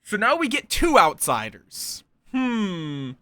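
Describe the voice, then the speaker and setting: A bright, animated voice of unclear gender, close and dry on the mic. The streamer runs an online game in casual, unhurried chat, dropping playful little sound words along the way. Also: medium pitch, dry recording. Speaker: streamer and game storyteller running an online social deduction game. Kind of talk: casual livestream chat with friends and viewers.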